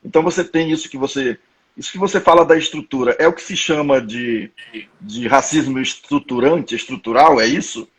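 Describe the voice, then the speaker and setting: A man's voice: mid-range voice, fairly quick, breathy edge, low-quality recording. A man in his fifties with a Brazilian Portuguese accent, hosting a live online talk and telling personal anecdotes in a conversational way. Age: 50s. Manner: conversational, anecdotal, restarts often. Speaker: live-stream host. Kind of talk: live-stream discussion.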